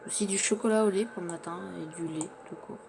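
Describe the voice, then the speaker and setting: A man's voice: high-pitched, fast, background noise. A man playing in character, chatting through his survival game and narrating what he does, often stumbling over his words. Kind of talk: in-character survival gameplay commentary.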